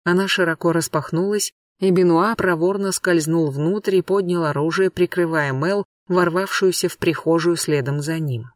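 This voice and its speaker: A man narrates an audiobook in an even, measured way, his voice slightly high. The sound is dry, and he sits a little distant from the mic. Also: no echo. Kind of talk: scripted narration.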